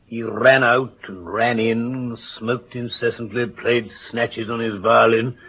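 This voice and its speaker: A gallant, slightly bumbling English gentleman doctor for an old radio drama. His voice is husky and his delivery good-natured and blustery. The sound is narrow and dull, like a vintage broadcast. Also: medium pitch, steady tone, slow. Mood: narrating. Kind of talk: classic British radio drama acting and narration.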